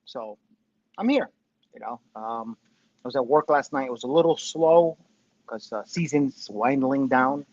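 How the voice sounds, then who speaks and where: A man's voice: medium pitch, expressive, a little slow, darkish tone. Tinny, tin-can-sounding man in his fifties. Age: 50s. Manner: rambling, self-mocking, swears casually. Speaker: live-stream show host. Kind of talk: casual live-stream commentary. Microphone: phone with Bluetooth headphones.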